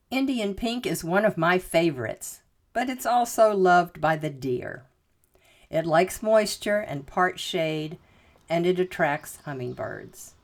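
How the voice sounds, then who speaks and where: A woman hosts a garden tour. Her voice sits somewhat low for a woman. She explains in a plain-spoken, instructional manner. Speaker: garden channel host.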